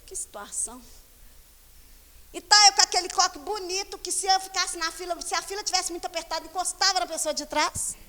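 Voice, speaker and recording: High-voiced Brazilian woman pastor preaching. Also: a little fast. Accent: Brazilian Portuguese. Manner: animated storytelling, scolding the congregation. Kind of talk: sermon. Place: church hall. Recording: long church reverb.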